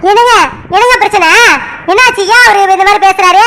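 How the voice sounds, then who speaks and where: A woman's voice: extremely high pitch, fairly quick, background noise. A woman voicing an anxious, defensive middle-aged wife in a cartoon who keeps asking pleading questions.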